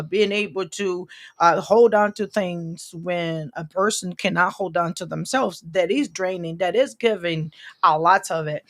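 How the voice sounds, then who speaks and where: A woman's voice: lowish voice, a bit bright. A woman from Brazil with a Brazilian accent, talking earnestly on a podcast as a guest, often repeating and restarting her words. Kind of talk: casual podcast chat.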